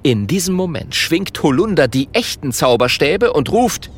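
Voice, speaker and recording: A man narrating a children's audiobook in a slow, expressive storytelling manner. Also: on the high side, husky.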